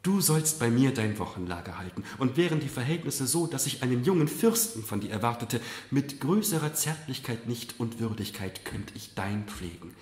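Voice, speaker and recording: A man's voice: mid-range voice, sing-song, moderate pace, a little mellow, lightly acted. A man voicing an older noblewoman, an emotional and contrite mother, in an earnest, impassioned dramatic literary reading. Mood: remorseful, impassioned. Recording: roomy live reading hall.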